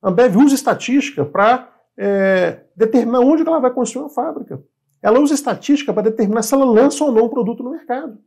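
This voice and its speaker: A Brazilian appraisal instructor in his fifties gives an informal online lesson on real estate, posing questions and answering them himself. His voice is very high and a little mellow, slightly rough with vocal fry, and he talks fast.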